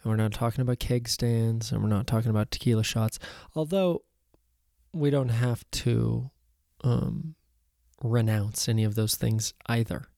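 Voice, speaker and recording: A man's voice: mid-range voice, moderate pace, vocal fry, warm tone, no room sound, studio quality. A man with a slightly froggy, throaty voice hosting a solo podcast in a casual, musing way. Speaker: podcast host.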